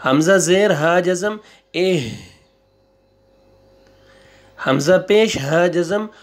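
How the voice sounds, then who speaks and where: A man teaching Quran reading, spelling out syllables slowly one by one, repeating them and correcting wrong readings. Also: sits high. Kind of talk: slow spelling-out recitation lesson.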